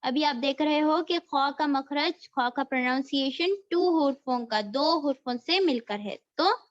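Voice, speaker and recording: A woman's voice: high voice, measured pace. A woman teaching letter reading, patiently explaining and drawing out each sound so students can follow. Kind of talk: slow explanatory lesson with drawn-out letter recitation. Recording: dull lo-fi recording.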